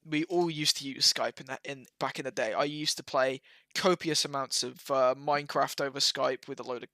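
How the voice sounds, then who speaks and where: A man's voice: medium pitch, fairly even intonation, a little fast, sharp tone, dry recording. A young man co-hosting a podcast, talking casually and animatedly, with plenty of swearing. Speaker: podcast co-host. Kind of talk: casual chat.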